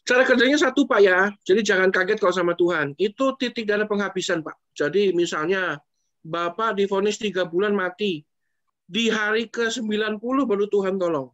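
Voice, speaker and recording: Pastor man on a lo-fi online stream. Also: fairly quick. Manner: conversational, repeats "Pak" often, lively swings in pitch. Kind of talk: casual preaching answer in an online church session. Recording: dull lo-fi online stream audio.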